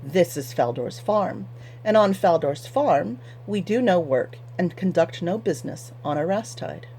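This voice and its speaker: A pious farmer, polite yet stubborn, speaking flatly and firmly, as a woman reader puts him on. The voice sits a bit below her narration. It belongs in a storybook reading. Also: lowish voice, a little slow, a little hiss or hum. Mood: firm courteous. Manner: firm, flat, stubborn. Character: stubborn, pious middle-aged male farmer.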